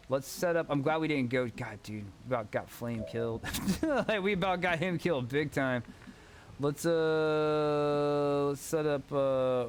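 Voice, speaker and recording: A man streaming a strategy game, chatting casually with a rambling, excitable, profane manner. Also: medium pitch, slight background noise. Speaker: gaming streamer. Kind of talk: casual gameplay commentary.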